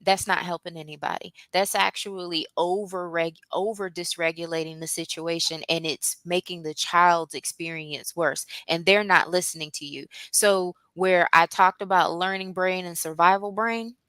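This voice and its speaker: Calm, low-voiced woman teaching. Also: moderate pace, hardly any pauses, no echo. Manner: earnest, explanatory, calm, with frequent ums. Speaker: guest speaker on mental health. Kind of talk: teaching talk at a church.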